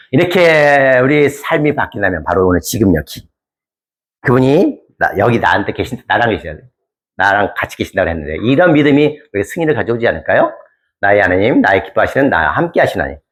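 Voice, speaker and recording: A male pastor preaching a sermon to his congregation, swinging from hushed lines to emphatic, near-shouted ones and putting questions to the listeners. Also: lowish voice, big pitch swings, brisk.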